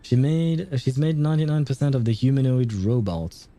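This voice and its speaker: A male gaming streamer with a mellow, mid-pitched voice. He comments casually on his playthrough, often hesitating as he thinks aloud. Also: animated, normal speed.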